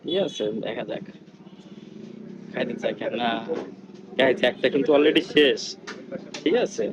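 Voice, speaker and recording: A man vlogging with a rural Bangladeshi Bengali accent, keeping his voice low and hushed as he talks to viewers during an eating challenge in a village. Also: unhurried, muffled recording, background noise. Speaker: vlogger host. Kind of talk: casual vlog commentary. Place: village house outdoors.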